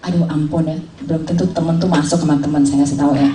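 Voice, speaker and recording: A woman, an insurance agent telling her story in a lively way, acting out dialogue and laughing often. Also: low-pitched, very fast, over music. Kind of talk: animated personal storytelling. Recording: roomy room, distant mic.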